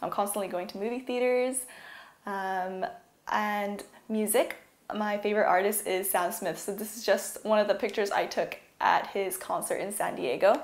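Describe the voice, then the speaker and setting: A woman's voice: medium pitch, fairly even intonation, moderate pace, reverberant. A young woman from California giving a casual presentation about her studies, often saying "like" and "um". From California, USA. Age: young adult. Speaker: university student. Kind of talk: presentation talk.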